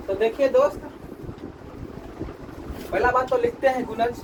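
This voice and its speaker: High-voiced man teaching maths, windy noise. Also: a little slow, muffled recording. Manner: repeats questions to the class and drills answers. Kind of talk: classroom maths lesson.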